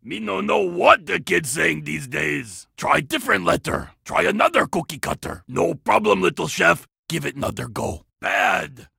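A man voicing a greedy, childlike cookie-loving monster in a children's game, with a gravelly voice and broken grammar. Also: fairly high pitch, animated, normal speed, hardly any pauses, sharp tone, dry recording, studio quality, heavily acted. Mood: eager. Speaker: in-game character.

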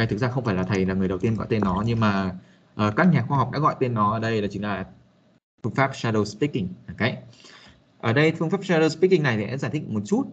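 Husky-voiced man teaching English. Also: on the low side, lo-fi sound. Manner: hesitant, many fillers, addresses listener as a child. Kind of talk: casual spoken lesson.

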